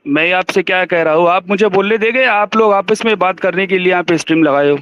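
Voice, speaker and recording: A man's voice: sits high, a bit bright, clean tone, no room sound, lo-fi sound. A man in a heated religious debate on a livestream, insistently demanding to be heard and pressing his point.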